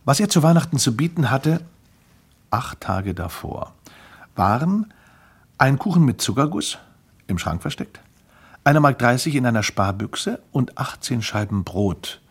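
Male storybook narrator, gravelly and husky, very lively pitch. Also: measured pace. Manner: lively, expressive reading. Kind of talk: storybook reading.

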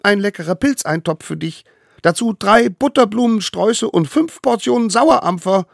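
Man playing a tiny boy cave hunter, high and fussy, storybook reading. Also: expressive, moderate pace, creaky, no room sound, clean studio sound, full character voice. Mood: eager.

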